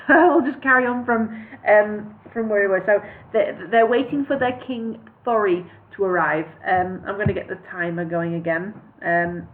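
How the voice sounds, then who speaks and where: Apologetic woman reading on a tinny stream. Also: fairly low pitch. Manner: chatty and apologetic, with frequent hesitant fillers. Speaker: reader and live streamer. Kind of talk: casual live-stream story reading.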